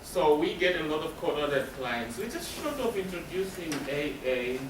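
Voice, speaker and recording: Very animated and on the high side, a man speaks at normal speed while presenting to a live audience as a counselor. He uses short, emphatic explanatory phrases and raises questions only to answer them. The mic is far off in a roomy space, and background noise comes through.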